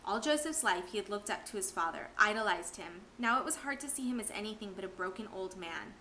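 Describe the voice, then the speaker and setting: A woman teacher reads a novel aloud from home in an expressive storytelling manner. Her voice is bright and clear, sitting at a middle pitch. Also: fairly quick, a little hiss or hum.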